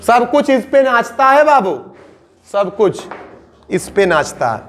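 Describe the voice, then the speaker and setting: A man's voice: very high voice, sing-song, faint music behind. A man with a Bihari Hindi accent teaching English grammar to a class, coaxing and repeating, drawing out the endings of words. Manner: coaxing, repetitive teaching with drawn-out word endings.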